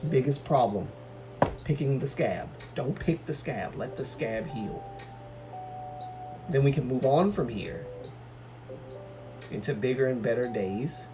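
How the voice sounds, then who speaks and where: A man's voice: mid-range voice, expressive, measured pace, pauses often, music in the background. A man from Algeria hosting a livestream, chatting casually and giving his opinions with many fillers and restarts. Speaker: livestream host. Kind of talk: casual chat reading viewer comments.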